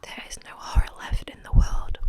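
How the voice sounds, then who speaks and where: A woman hosting an ASMR channel, softly whispering as she chats and reads aloud from a book. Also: moderate pace. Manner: soft unvoiced whispering throughout.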